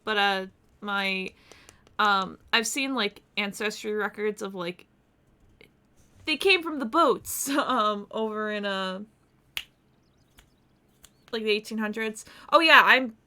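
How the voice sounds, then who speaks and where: A woman's voice: mid-range voice, slow, pauses often, bright, forceful tone, clear, resonant tone. A woman from the United States chatting casually and profanely on a game stream, laughing often. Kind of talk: casual live-stream chat.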